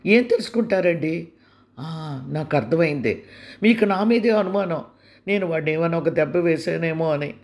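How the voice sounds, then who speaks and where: A man's voice: sits high, normal speed, long pauses, a little mellow, voice pushed up. A man voicing a stepmother who protests and wails melodramatically in a storybook reading. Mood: wailing. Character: worried stepmother, defensive and wailing.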